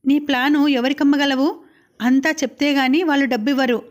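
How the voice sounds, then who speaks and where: A woman's voice: high-pitched, steady tone, normal speed, close to an everyday voice. A woman voicing a worried young woman warning her lover against his plan, in an audiobook. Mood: anxious. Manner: anxious and cautioning. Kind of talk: audiobook character reading.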